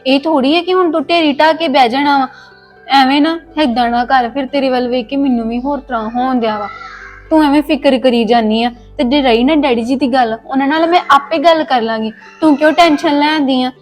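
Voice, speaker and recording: A woman's voice: sits high, fairly quick, soft background music, lightly acted. A woman acting a caring elder sister in a Punjabi family drama, consoling her younger sister with a Punjabi accent. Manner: consoling, scolding gently, homely.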